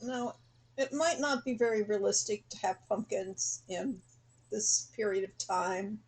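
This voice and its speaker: Very husky woman chatting over a game. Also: medium pitch, fairly even intonation, a little slow, darkish tone, low-quality recording. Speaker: game designer and co-commentator. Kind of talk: casual chat, commentary.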